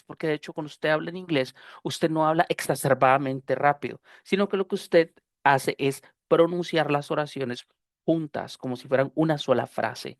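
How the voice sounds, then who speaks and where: A man's voice: fairly high pitch, dry recording, clean studio sound. A Spanish-speaking man with a Costa Rican accent, teaching an online English pronunciation class, explaining patiently and often repeating phrases with fillers. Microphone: computer mic on a video call.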